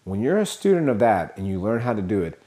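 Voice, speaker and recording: A man with a somewhat low voice talks alone into a podcast mic, coaching car salespeople. He rambles and restarts often, packing in fillers and self-corrections. He keeps a motivational tone and calls his listeners guys. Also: big pitch swings, fast, warm tone. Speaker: podcast host. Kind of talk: casual podcast monologue.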